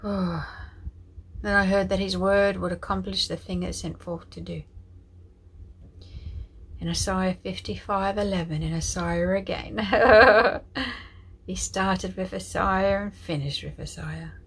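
Woman, devotional speaker: soft, prayerful, unhurried, drifting into whispers between verses. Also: fairly low pitch, steady tone, breathy edge, rough recording. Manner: emotional, tearful at moments. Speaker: ministry leader sharing a prophetic word. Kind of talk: devotional message with scripture reading.

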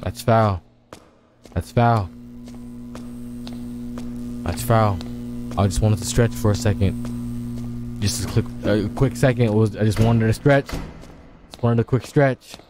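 A man's voice: on the low side, steady tone, takes it slowly, long pauses, music in the background. A young man streaming a horror game with scared commentary, playfully scolding the game's characters as he talks to them.

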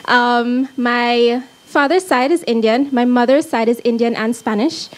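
A woman from Trinidad and Tobago talks into a handheld mic on a ship's stage. She is friendly and a little hesitant. Her voice sits slightly high. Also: a little slow. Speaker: ship crew volunteer.

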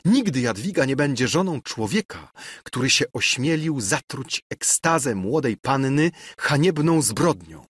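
A man reading an audiobook voices a stern aristocratic princess with shocked, high-pitched exclamations. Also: wildly swooping pitch, takes it slowly, fairly bright tone, husky, no echo, heavily acted. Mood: outraged.

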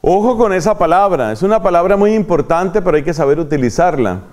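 A man's voice: high voice, lively intonation, a little fast, darkish tone. A man with a Colombian accent preaching a retreat sermon, repeating key phrases for emphasis and answering his own questions. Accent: Colombian Spanish.

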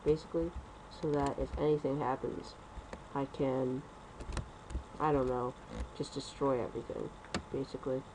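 A young gaming commentator rambles through casual gameplay commentary at home on a computer mic, talking fast and correcting himself. His voice is medium in pitch with a level tone, over a noisy background.

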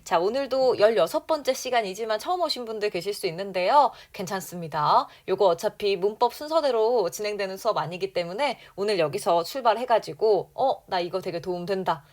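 Lively woman teaching a language lesson. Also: medium pitch. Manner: animated, coaxing, asks the viewers questions; reads lines slowly and clearly for practice. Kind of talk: online lesson explaining drama dialogue.

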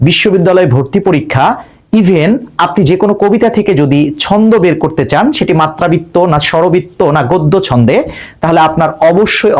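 A young man, teaching a lesson and patiently explaining step by step as he speaks directly to his students. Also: on the high side. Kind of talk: lesson narration.

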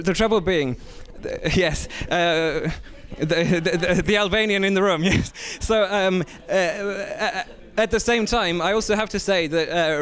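A man's voice: on the high side, clean tone. A young man from Serbia giving an earnest comment at a panel, with many fillers and restarts, speaking into a handheld mic in a conference hall. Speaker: audience member speaking at a panel. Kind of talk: impassioned public comment.

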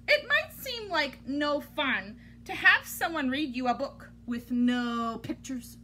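With a high-pitched, sharp voice, a woman in her thirties reads a children's picture book in animated teacher fashion, theatrical and playfully exasperated. The setting is a small indoor room at home, and the recording has noticeable background noise.

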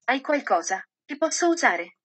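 A woman voicing a kind, hopeful young male snowman in a storybook, soft and friendly. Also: high-pitched, sing-song, moderate pace, husky, heavily acted.

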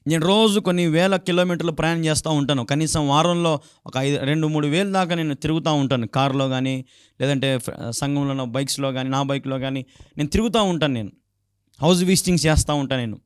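Telugu-accented pastor man preaching, acts out fights in loud voices, kinda high voice. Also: fast, clear, resonant tone, dry recording, studio quality. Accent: Telugu, Andhra Pradesh. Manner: acts out quarrels in raised voices; fervent exclamations of hallelujah. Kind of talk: sermon.

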